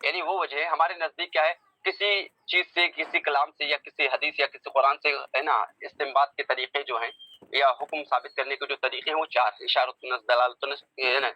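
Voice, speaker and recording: A man's voice: medium pitch, fairly even intonation, fairly quick, sharp tone, rough recording. A man teaching a religious text to a class, who keeps asking whether his students have understood and coaxes them to answer. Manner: keeps checking understanding with rhetorical questions; coaxing, prods students to answer. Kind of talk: classroom lecture on theology.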